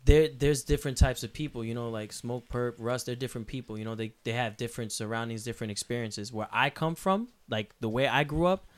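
A man from Puerto Rico who is a podcast guest, talking in a casual chat. His voice sits at an ordinary middle pitch. He speaks with blunt emphasis, swears freely and holds forth in long stretches. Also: a little fast, few pauses.

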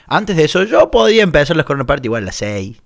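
A man with an Argentine accent from Córdoba chats casually at home. His pitch swings up and down freely, and his talk is playful and quick to laugh. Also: vocal fry. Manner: laughs easily, lively and playful. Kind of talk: casual chat. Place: home during lockdown.

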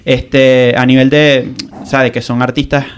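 A man's voice: mid-range voice, little pitch movement, measured pace, a little hiss or hum. A man, a musician guest on a podcast, rambling in casual chat with many restarts.

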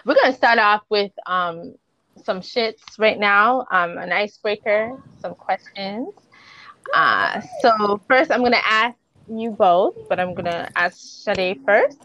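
A woman's voice: mid-range voice, lively intonation, takes it slowly, sharp tone. A woman hosting a podcast in casual chat, speaking informally with slang and swearing. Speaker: podcast host. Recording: slightly dull lo-fi audio.

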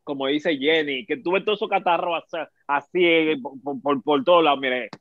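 A man's voice: a little high, moderate pace. A man in a casual group chat, talking in long run-on turns with pious exclamations. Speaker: panelist. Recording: tinny phone-like radio sound.

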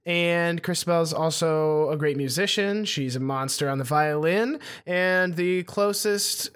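A man hosting a comedy podcast in a relaxed, chatty way, laughing often. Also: on the high side, unhurried, smooth. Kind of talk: casual podcast chat.

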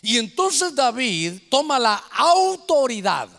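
A male pastor preaches in a high, swooping voice, acting out the people in his story. His tone is bright and ringing. The sound carries a long hall reverb. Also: big pitch swings, slow, vocal fry. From Guatemala. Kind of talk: sermon.

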